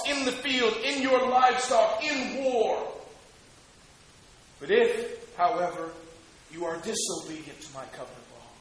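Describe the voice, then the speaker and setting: High-voiced preacher in an echoey church. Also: male voice. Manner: emphatic, swinging between loud stresses and quiet asides. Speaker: pastor. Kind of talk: sermon.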